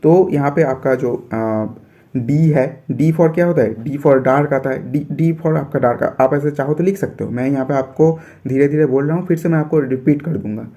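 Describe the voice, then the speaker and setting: A man's voice: a little high, normal speed, mellow. A young man from India teaching biology for an entrance exam, explaining step by step and repeating his points.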